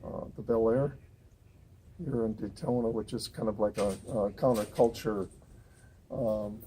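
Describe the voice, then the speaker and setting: A man's voice: lowish voice, fairly even intonation, measured pace, warm tone, a little hiss or hum. A man hosting a casual interview at an outdoor car show, rambling and restarting his sentences. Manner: rambling, many fillers and restarts.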